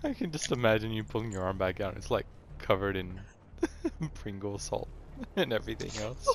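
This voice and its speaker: A man's voice: on the low side, animated, normal speed, slight background noise. A man chatting casually and teasingly with his partner while gaming, laughing often.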